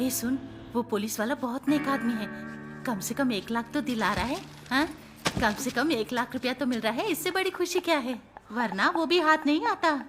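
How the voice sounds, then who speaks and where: A practical mother with a high voice scolds her tearful daughter in a matter-of-fact way. It is a Hindi film dub. Score plays softly behind her. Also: expressive, normal speed. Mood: scolding. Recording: film soundtrack with music.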